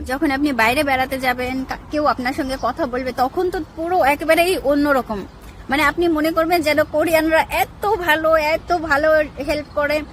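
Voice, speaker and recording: High-voiced woman vlogger giving advice. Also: a little hiss or hum. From Bangladesh. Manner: chatty, advising viewers directly. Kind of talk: casual explanatory vlog.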